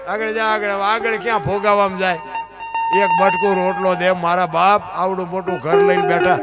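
A man giving a folksy dayro sermon, calling listeners bapu and asking them rhetorical questions, with sung verses now and then. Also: high-pitched. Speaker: dayro storyteller. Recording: guitar music behind the voice.

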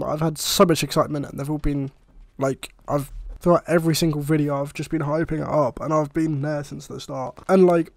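A gaming YouTuber, young and slightly chesty from a cold, swears frequently and rambles in exasperation over gameplay footage. His fairly high voice is gravelly yet a little mellow.

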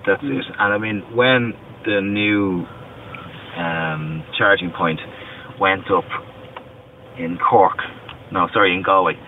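A low-voiced man in his thirties walks through a car's controls one step at a time, patient and methodical. He sits a little away from the mic inside a parked car. The sound is thin and phone-like, with a faint hiss underneath. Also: slow pace. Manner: patient, step-by-step explaining with restarts. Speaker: car company representative. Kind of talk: explaining car features, demonstration. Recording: distant, tinny, lo-fi with faint noise.

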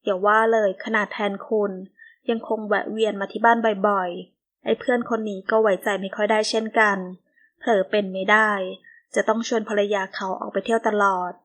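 A woman narrating a romance novel as an audiobook in a calm, measured storytelling manner. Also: mid-range voice.

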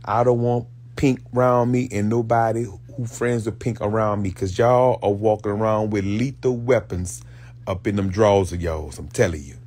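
A man hosting a show of comedic commentary on internet gossip, animated and profane, jumping from loud outbursts to hushed asides. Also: lowish voice, normal speed. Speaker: show host.

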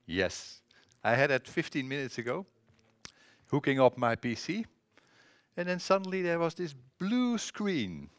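A middle-aged man from the Netherlands with a Dutch accent, giving a casual conference presentation on a presentation mic, often pausing with filler sounds and restarts. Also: a little high, very animated. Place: conference room.

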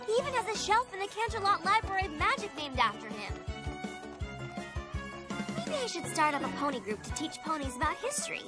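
Twilight, eager bookish unicorn. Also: female voice, extremely high pitch, very animated, a little fast. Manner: eager, lecturing, precise. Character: bookish young unicorn mare, earnest scholar. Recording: over loud cartoon music.

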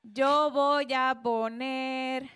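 A young Dominican woman talking casually as a TV guest, her voice high and smooth. She rambles, hesitates and keeps restarting her sentences. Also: fairly even intonation, drawn-out words, a bit bright. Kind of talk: casual chat.

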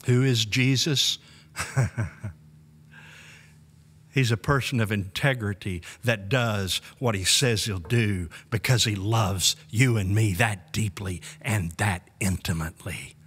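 Older male pastor, sixties, earnest sermon delivery at a pulpit mic, bright voice, church reverb. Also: on the low side, takes it slowly, husky. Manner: earnest, with warm little laughs and rhetorical questions. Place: church sanctuary. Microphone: pulpit microphone on a stand. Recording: long church hall reverb.

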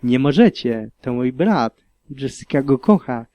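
A man's voice: mid-range voice, expressive, a little slow, no room sound, dull audio. A man voicing a young mare pony, a desperate, protective sister who pleads urgently, in an audiobook reading. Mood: pleading.

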